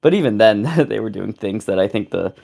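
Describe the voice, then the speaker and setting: A man's voice: fairly low pitch, animated, a little fast, gravelly, warm tone. A young man co-hosting a casual review podcast, rambling and correcting himself as he talks, with frequent chuckles. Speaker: podcast co-host.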